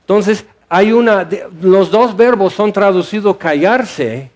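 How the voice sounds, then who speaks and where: A man's voice: sits high, takes it slowly. A man preaching a sermon in a church hall, asking rhetorical questions and explaining scripture with animation. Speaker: pastor.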